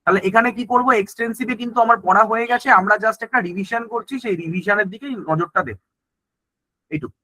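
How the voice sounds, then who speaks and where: A man's voice: high voice, quick pace, sharp tone, dry recording, low-quality recording. A man teaching an exam-prep lesson. He explains in Bengali mixed with English terms and keeps checking that the class is following.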